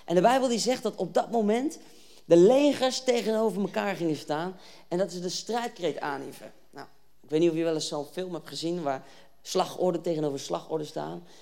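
A youth preacher giving a lively storytelling sermon, reading Bible verses and then retelling them in casual slang while acting out the scenes. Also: medium pitch, normal speed, gravelly.

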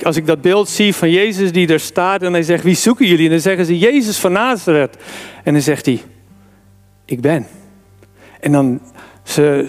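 An earnest male preacher delivers a sermon, his voice pitched a little above the usual. He drives points home by repeating key phrases, and soft instrumental music plays faintly behind him.

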